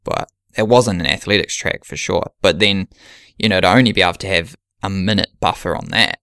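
A man's voice: low voice, brisk, pushed and bright, dry recording, clean studio sound. A man in casual podcast chat, planning an ultramarathon and thinking aloud with many restarts.

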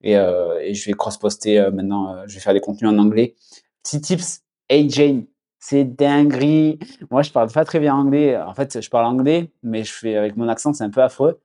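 A young man with a southwest French accent, chatting casually as a podcast guest, relaxed, with many fillers and restarts. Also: mid-range voice, fairly quick. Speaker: podcast guest, agency founder. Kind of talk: casual conversation.

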